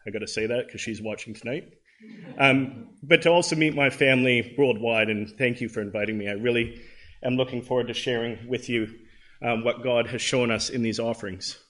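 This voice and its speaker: A man's voice: medium pitch, fairly even intonation, fairly quick, a bit bright. A man in his thirties from Canada with a Canadian accent, giving an earnest, conversational Bible class talk with frequent ums and restarts. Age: 30s.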